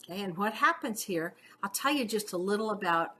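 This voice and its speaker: A woman's voice: mid-range voice, lively intonation, a little fast, sharp tone, slight background noise. A middle-aged woman paramedic teaching a class in a casual, chatty way, often checking in with "okay?" and telling personal stories. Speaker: paramedic instructor.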